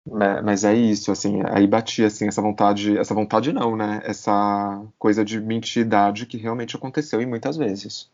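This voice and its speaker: A man's voice: on the low side, little pitch movement, normal speed, few pauses, darkish tone. A man in his thirties hosting a podcast, thinking aloud in a reflective, hesitant way, often repeating words and restarting. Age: 30s. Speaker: podcast host. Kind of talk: reflective casual chat. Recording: slightly dull podcast audio.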